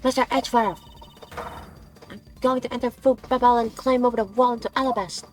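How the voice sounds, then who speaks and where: A woman voicing an excitable young female thief who is eager, pushy and high-spirited, reading lines from a video game. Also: fairly quick, soft background music, close to an everyday voice. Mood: insistent.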